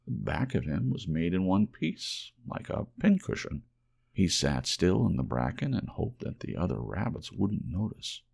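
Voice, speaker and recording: Here a man narrates a children's storybook for an ASMR audiobook, using a deep, husky, heavily creaky voice. He tells the story gently and in a hush, very animated but unhurried.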